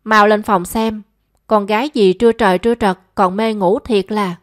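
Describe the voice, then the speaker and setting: A nagging, money-minded middle-aged mother from an audio storybook, scolding, as a woman narrator puts her on. Her complaints sound shrill and insistent. The recording is close and dry, with no room sound. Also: steady tone, normal speed, dry recording, natural voice.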